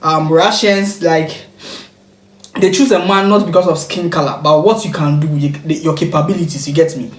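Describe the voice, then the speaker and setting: A reaction video host from Ghana, chatting casually and explaining clips to viewers in an animated way. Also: medium pitch, moderate pace. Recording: echoey room with faint noise.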